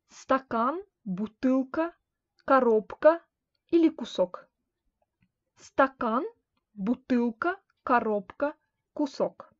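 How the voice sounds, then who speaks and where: A woman teaching a grammar lesson, speaking slowly and carefully and repeating each example word. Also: sits high, no echo. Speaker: Russian language teacher. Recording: dull dry lo-fi sound.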